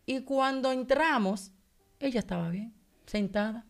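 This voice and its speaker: A woman's voice: a little high, measured pace. A woman telling an emotional personal testimony on a radio talk show, acting out the dialogue as she goes. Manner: animated storytelling, acting out dialogue. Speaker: guest giving testimony.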